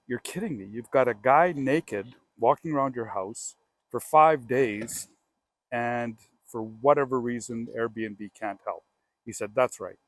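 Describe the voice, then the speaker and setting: A man's voice: medium pitch, no room sound. A man with a Canadian accent, hosting his own real estate show outdoors, telling a story casually and acting out both sides of a phone call. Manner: chatty and animated, acts out both sides of phone calls. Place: outdoors by a house.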